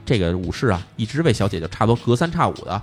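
A man hosting a podcast, casually retelling an old folk tale to his co-hosts, acting out quick quoted lines. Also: fairly low pitch, big pitch swings, soft background music. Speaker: podcast host and storyteller. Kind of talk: casual storytelling chat.

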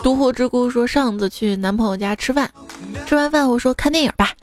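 Playful higher-voiced woman over music. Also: brisk. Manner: playful, teasing, laughs at the stories. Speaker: radio host reading listener stories. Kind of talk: casual comic storytelling. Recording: background music under the voice.

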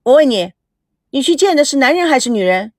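A woman voicing a sharp-tongued, jealous young wife who needles and teases in a radio story. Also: high-pitched, very animated, fairly quick, dry recording, studio quality, pitched above the performer's own voice. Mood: needling. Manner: teasing, needling.

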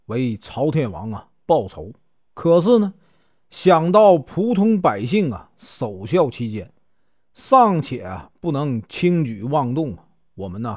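A man's voice: mid-range voice, mellow, no room sound, clean studio sound. A male storyteller voicing an earnest, middle-aged outlaw chief who talks in a weighty way.

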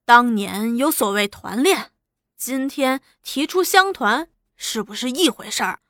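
A woman's voice: a little high, lively intonation, unhurried, a bit bright, no room sound, studio quality. A woman voicing a shrewd, modest old squire. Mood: probing. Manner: self-deprecating, guarded, probing. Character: older man, modest, shrewd local squire. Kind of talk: storytelling dialogue.

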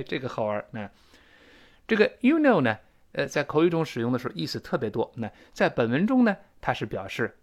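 Lively man teaching English phrases. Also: fairly high pitch. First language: Chinese. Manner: animated, repeats phrases for drill. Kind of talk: spoken English lesson.

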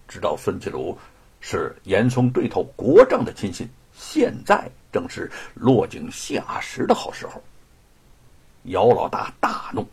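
A gravelly, very husky male voice that swings widely in pitch. He narrates a traditional Chinese story with expressive, dramatic delivery, and his voice sits on the higher side.

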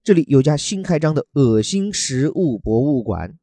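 A man's voice: a little high, very animated, moderate pace, dark tone, dry recording, studio quality. A man from China, teaching English words from a news article in a chatty, joking way and spelling words out letter by letter.

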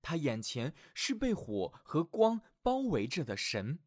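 A man narrates a scripted fairy tale for small children, his storytelling expressive and affectionate. His voice is fairly high and his pace measured, in a dry, studio-quality recording.

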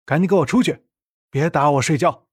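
A grumpy young man snaps out his words in a low, husky voice, as a woman reading the story puts him on. The voice is rough and breathy, with no room sound at all. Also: fast talker, dry recording, studio quality. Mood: irritated. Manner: irritable, snapping.

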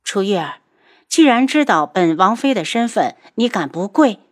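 A young princess gives orders in a cool, clipped, commanding tone, as a woman narrator plays her. The delivery stays lively in pitch yet controlled. Audiobook drama. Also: moderate pace. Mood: cold. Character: cold, commanding young princess, calm and cutting.

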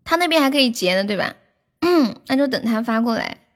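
A woman's voice: on the high side, expressive. A woman hosting a casual livestream chat, giggly and chatty. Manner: giggly, chatty, often rushed. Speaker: livestream host.

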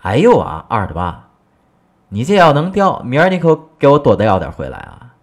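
A man's voice: on the low side, sing-song, moderate pace, breathy edge, full character voice. A man voicing an envious, nagging middle-aged housewife, in a coaxing, wheedling tone.

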